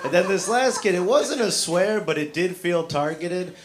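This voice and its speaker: A man's voice: high voice, lively intonation, moderate pace, over a noisy crowd. A man from the South Shore of Massachusetts doing a stand-up comedy set on a club stage, self-deprecating and full of fillers. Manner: self-deprecating, filler-heavy delivery with acted quotes. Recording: noisy live club recording.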